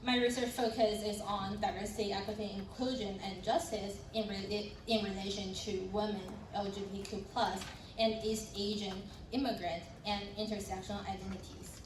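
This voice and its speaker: A woman's voice: medium pitch, little pitch movement, normal speed. Woman moderating a panel, roomy and distant. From Taiwan. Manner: friendly, with light laughs and fillers. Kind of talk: panel introductions and presentation. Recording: roomy sound from a distant mic with background noise.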